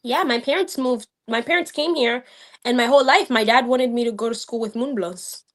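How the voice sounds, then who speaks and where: A woman's voice: fairly high pitch, a little fast, a bit bright. A young adult woman from the United States, a guest in a casual live-stream chat, talking animatedly and switching between Haitian Creole and English.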